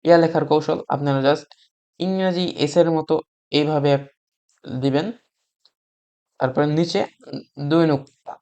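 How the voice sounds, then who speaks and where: A Quran reading teacher patiently guides beginners through Arabic letters, slowly repeating each sound for them to copy and often hesitating with fillers. His voice is a little high, steady, and darkish in tone.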